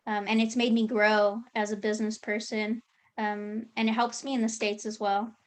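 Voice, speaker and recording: A woman's voice: medium pitch, moderate pace. A woman talking casually as an interview guest, telling stories and acting out her own thoughts. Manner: relaxed storytelling, acts out her own thoughts.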